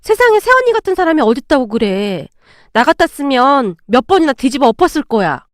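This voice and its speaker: A woman's voice: high-pitched, big pitch swings, a little fast, dry recording, studio quality. Woman doing a frank young daughter. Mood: chiding. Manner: frank, chiding.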